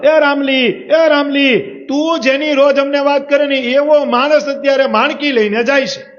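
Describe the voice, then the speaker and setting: Preacher putting on an excited village woman, high and loud, muffled recording. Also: normal speed. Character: excited village woman friend bringing news.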